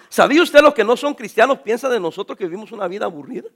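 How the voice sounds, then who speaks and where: A pastor preaching a sermon, animated, calling his listeners brothers and acting out the voices of people in his stories. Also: high-pitched, fast talker. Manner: acts out quoted voices.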